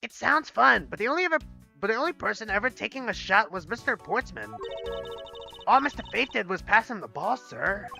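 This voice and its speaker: A man doing a pitched-up chipmunk-voiced guard girl. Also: big pitch swings, brisk, creaky, pushed and bright, faint music behind, exaggerated voice. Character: young female security guard, meek, hapless and polite. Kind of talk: voicing game dialogue in a playthrough.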